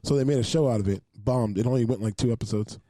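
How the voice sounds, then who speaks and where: A young man co-hosting a casual podcast, telling stories with lots of swearing and quick asides. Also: medium pitch, dry recording, clean studio sound. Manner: animated storyteller, swears freely. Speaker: podcast co-host. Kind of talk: casual chat.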